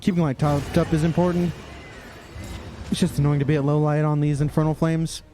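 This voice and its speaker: A man's voice: a little high, flat delivery, a little fast, mellow, faint music behind. A young man giving casual, sarcastic commentary while playing a game. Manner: sarcastic, mocking, talks to himself. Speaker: streamer.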